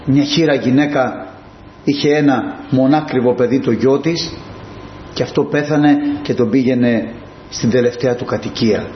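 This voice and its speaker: A male preacher giving an impassioned sermon, moving between hushed asides and high, emphatic peaks, in a church. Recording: dull, roomy and slightly noisy.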